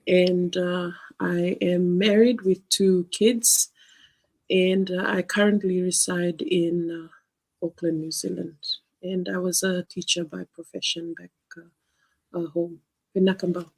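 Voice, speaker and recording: A woman from Fiji, a guest on an online live chat, speaking slowly and haltingly. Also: lowish voice, little pitch movement, a little mellow. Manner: slow, halting.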